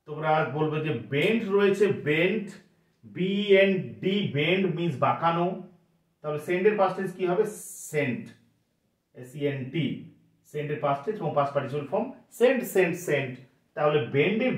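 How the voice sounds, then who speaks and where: A man with a Bengali accent teaching English grammar, repeating word forms aloud in a rhythmic drill. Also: a little high. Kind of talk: explaining grammar to students. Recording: roomy, distant, dull lo-fi sound.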